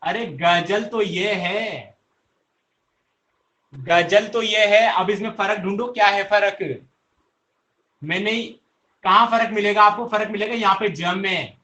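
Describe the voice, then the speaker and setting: Male teacher, high bright voice, slow delivery, drills the class with repeated questions. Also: dull audio. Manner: answers his own questions. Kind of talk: online class lesson.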